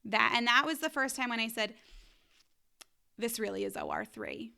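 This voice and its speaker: A woman's voice: a little high, moderate pace, vocal fry. A woman telling a personal story in a casual podcast chat, acting out what people said. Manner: animated storytelling, acting out quotes. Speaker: guest telling her birth story.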